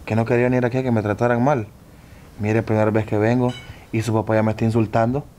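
A man's voice: fairly low pitch, little pitch movement, fast talker, a little mellow, a little hiss or hum, natural voice. An actor playing a nervous young boyfriend in a comedy sketch, speaking with a Honduran accent and rambling through his story in slang. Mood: indignant. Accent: Honduran Spanish.

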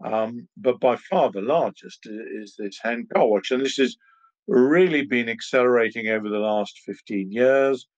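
An older British man on a video call, speaking as a panelist in a measured way, with many pauses and fillers. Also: medium pitch. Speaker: trade association chairman, panelist. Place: home study, indoors. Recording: muffled video-call audio.

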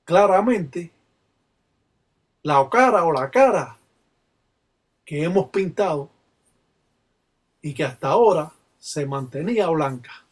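Slow, emphatic Cuban priest. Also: male voice, fairly high pitch, expressive. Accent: Cuban Spanish. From Cuba. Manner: slow, emphatic, repetitive incantatory delivery. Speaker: Palo Mayombe priest. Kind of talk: ritual invocation and chant.

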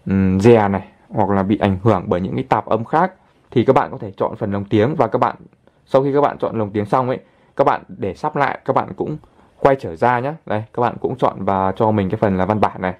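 Low-voiced guy walking you through an app, super chatty, keeps going "here, there", kinda dull lo-fi sound. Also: a little mellow. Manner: chatty, fills pauses with constant "đấy" and "đây". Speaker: channel host, tutorial presenter. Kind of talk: casual screen-recorded app tutorial.

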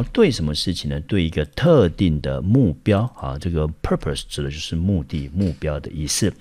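A man's voice: low-pitched, a little mellow. A man with a Taiwanese Mandarin accent, teaching an English vocabulary lesson and explaining it step by step. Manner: explains step by step, often opens with "好". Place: recorded for a school video channel.

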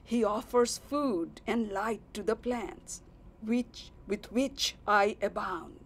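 A woman's voice: medium pitch, slow, a little hiss or hum. A woman voicing the Earth as a devoted, motherly woman who pleads earnestly in a recited poem. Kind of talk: poetry recitation.

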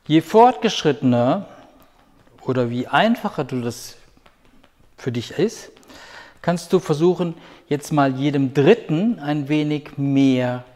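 A man teaching a home yoga class, giving calm, patient step-by-step cues with a clip-on mic. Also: a little high, slow pace, long pauses. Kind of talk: guided yoga instruction. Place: room at home. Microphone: clip-on microphone. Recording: long hall reverb.

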